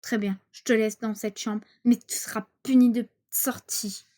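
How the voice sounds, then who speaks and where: A strict, secretive mother, played by a woman, brushing off questions with short, dismissive replies. The voice runs rather high. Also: fairly even intonation, unhurried, warm tone, close to an everyday voice. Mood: stern. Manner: curt, dismissive.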